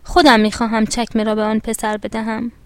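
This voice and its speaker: Woman voicing an excited young girl in a storybook, high and insistent. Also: smooth, no room sound, lightly acted. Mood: pleading. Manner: pleading, excited questions. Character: young girl, eager and persistent.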